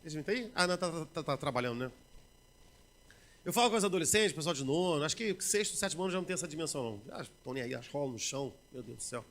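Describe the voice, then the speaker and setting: A Brazilian man preaching a sermon, swinging between loud bursts and low murmurs, and acting out everyday quotes in conversational asides. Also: expressive, rapid-fire.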